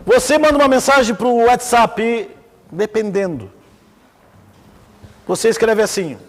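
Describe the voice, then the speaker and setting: A man's voice: very high-pitched, unhurried, long reverb tail. A man with a Brazilian accent giving an informal lecture on Islamic theology, telling stories with energy and asking the class questions. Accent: Brazilian Portuguese. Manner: lively storytelling, asks the class questions.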